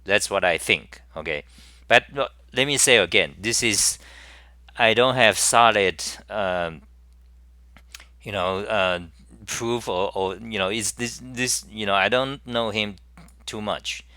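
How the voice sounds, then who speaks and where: A man's voice: on the low side, slow, sharp tone, no echo, clean studio sound. A man hosting his own casual live-stream talk show, speaking in a rambling way with many fillers and restarts. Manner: reads viewer chat messages aloud.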